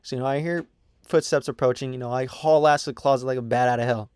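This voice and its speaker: A man's voice: medium pitch, fairly even intonation, fast, a little mellow, smooth, no echo. Young man telling a profane, rambling story. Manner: profane, rambling, full of "you know" and "whatever" fillers. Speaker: storytime vlogger. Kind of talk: casual storytime monologue.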